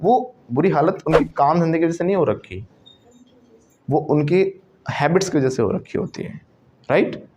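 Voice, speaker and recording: A male teacher with an Indian accent giving a classroom lesson, mixing Hindi and English and repeating words slowly for students to copy. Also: on the high side, expressive, darkish tone, slight background noise.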